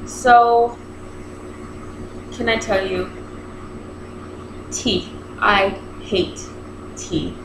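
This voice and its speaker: A woman's voice: mid-range voice, drawn-out words, pauses often. A woman in her thirties with braces in her mouth, chatting casually in a rambling vlog style and often interrupting herself. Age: 30s. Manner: rambling, self-interrupting, animated retelling with quoted dialogue. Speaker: vlogger. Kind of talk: casual chat to camera. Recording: echoey room with clear background noise.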